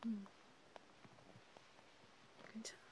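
This low-quality recording captures the ASMR host's soft, breathy whispers as she guides a hand-massage roleplay for one imagined listener. Gentle pauses and murmured acknowledgements fill the one-sided chat, over a clear, constant hiss and ambient noise.

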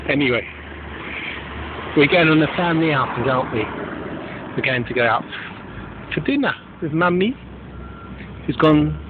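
A man films his toddler and coaxes him in a lilting, sing-song voice whose pitch rises and falls a lot. It is old camcorder audio, squeezed thin and tinny. A steady hiss of noise sits under everything. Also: normal speed, long pauses. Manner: coaxing, sing-song baby talk. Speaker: parent filming his toddler. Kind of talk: home video, talking to a small child.

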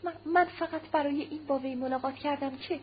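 A woman's voice: high voice, fairly even intonation, pitched above the performer's own voice, natural voice. A woman reading an audiobook, voicing a distraught, proud young aristocratic wife who stammers and cries out, in a slightly muffled recording with a faint hum. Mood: stammering. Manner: agitated, stammering, crying out.

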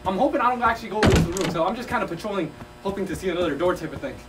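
A man's voice: high-pitched, racing. A young man commentating a VR horror game, swearing, trash-talking and yelping whenever he gets scared. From Mexico. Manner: excitable, swearing, yelps when scared, slangy trash talk. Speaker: gaming streamer. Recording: distant-sounding mic with noticeable background noise and hum.

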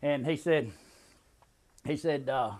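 A man's voice: on the high side, slow pace, darkish tone. An older man with a Southern US accent, rambling through a folksy family tale and chuckling along the way. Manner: drawling, rambling, chuckles at his own tale. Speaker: storyteller.

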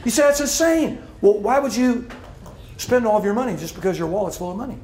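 Middle-aged preacher guy, high voice, punchy, repeats himself, echoey hall w faint hum. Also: lively intonation, quick pace, dark tone. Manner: emphatic, repeats key lines. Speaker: pastor. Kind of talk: sermon. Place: church hall.

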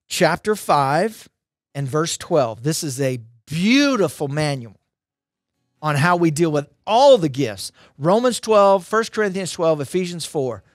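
A man's voice: on the high side, no room sound, studio quality. A middle-aged man giving a conversational sermon as a preacher, emphatic, with punchy short phrases and repetition, on a headset microphone. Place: dark indoor studio.

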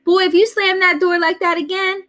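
A woman's voice: high voice, sing-song, moderate pace, a bit bright, pitched above the performer's own voice. Woman doing a fussing, stern old grandmother. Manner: fussy, scolding.

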